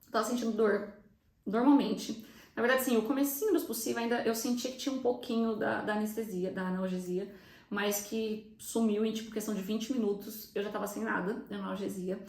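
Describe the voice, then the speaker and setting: A young Brazilian woman with a Brazilian Portuguese accent speaks at a medium pitch with fairly even intonation and a darkish tone, in a roomy space. Vlogging about her own birth, she's chatty and fast, emotional to the point of near tears, and often speaks straight to her viewers.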